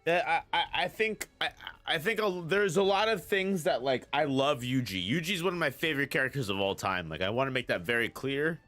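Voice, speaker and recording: A man's voice: fairly high pitch, animated, brisk, hardly any pauses, fairly bright tone, faint music behind. A young man hosting a casual anime discussion, rambling with lots of fillers and restarts. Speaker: channel host.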